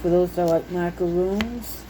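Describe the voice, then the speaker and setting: Against a noisy background, a vlogger with a lowish voice speaks unhurriedly with fairly even intonation. She's at home leafing through a recipe book, casually and unscripted, reading recipes aloud and musing to herself in a folksy, homey manner.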